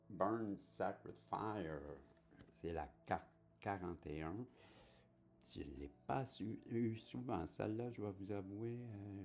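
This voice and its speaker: Slow, deep-voiced man. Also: gravelly, mellow. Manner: chatty, laughs often, reads cards aloud. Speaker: card reader. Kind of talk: oracle card reading.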